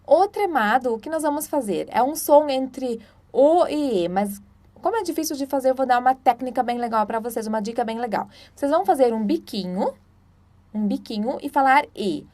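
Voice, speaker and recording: A woman, a German teacher giving a patient, explanatory online lesson and sounding out example words slowly. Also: high voice, expressive, darkish tone. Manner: patient, explanatory, frequent "tá?" and "então"; slow, drawn-out model pronunciations.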